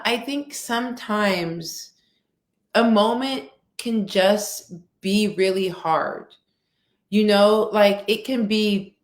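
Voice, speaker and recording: Woman guest, mid pitch, measured and emphatic, video call, roomy echo. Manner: steady, measured delivery; emphatic, rhetorical "right?". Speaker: guest speaker. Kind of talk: conversational interview answer. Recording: echoey room.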